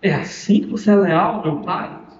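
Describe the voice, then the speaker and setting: A man's voice: high voice, moderate pace, a little hiss or hum, lightly acted. A man preaching who voices a suspicious young prince, asking pointed questions. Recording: echoey hall, distant mic, dull sound.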